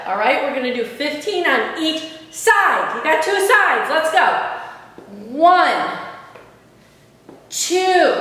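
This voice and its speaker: High-pitched woman coaching in an echoey room. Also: pushed and bright. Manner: upbeat, encouraging, urging listeners on. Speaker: fitness instructor. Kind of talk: workout instruction, counting reps and cueing moves. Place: room in own house. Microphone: camera at a distance, self-filmed. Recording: echoey room, long reverb.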